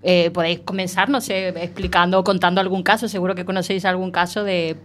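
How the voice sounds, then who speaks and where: Woman, guest sexologist, calm and explanatory, lower voice. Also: fast talker. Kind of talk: casual educational chat.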